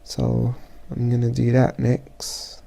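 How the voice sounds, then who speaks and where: Stuffy, gravelly-voiced man talking slowly. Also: mid-range voice, monotone, mellow. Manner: halting, thinking aloud while working. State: stuffy, congested. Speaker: photographer. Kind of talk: casual software tutorial voice-over.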